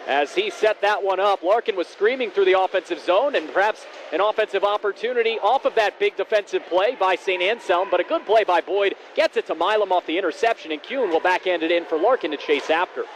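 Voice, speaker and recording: A man doing live ice hockey play-by-play commentary, raising his voice into excited shouts on scoring chances. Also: high-pitched, fairly quick, few pauses. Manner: excited raised goal calls, shouting on chances. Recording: noisy rink, faint background noise.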